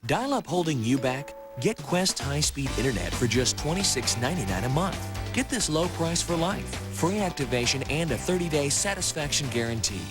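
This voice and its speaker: Lively male ad announcer. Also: fairly high pitch, normal speed, music in the background. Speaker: commercial announcer. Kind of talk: upbeat ad read.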